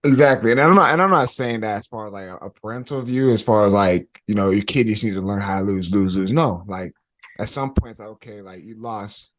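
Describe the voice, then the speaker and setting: A man hosting a casual podcast, emphatic and animated, often repeating words as he talks. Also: fairly low pitch, fairly quick. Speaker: podcast host.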